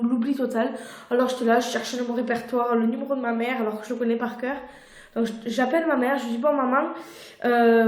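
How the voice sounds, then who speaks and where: A woman's voice: fairly high pitch, a little mellow. A young woman telling a personal story in a casual vlog, chatty with lots of fillers and restarts, filmed on her phone at home. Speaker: vlogger. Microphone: phone camera. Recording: echoey room.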